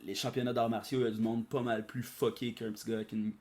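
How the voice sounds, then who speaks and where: A man's voice: on the low side, little pitch movement, quick pace, a little mellow. A man casually reading a manga aloud, with chatty asides and many hesitations. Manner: chatty, aside-filled, hesitant filler-heavy commentary. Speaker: audiobook reader and commentator.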